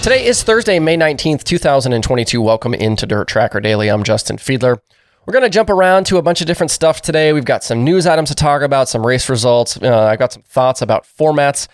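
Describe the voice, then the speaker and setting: Congested man, racing news host, brisk informal delivery, dry close sound. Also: medium pitch, lively intonation, no room sound, faint music behind. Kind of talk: daily racing news show. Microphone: new microphone.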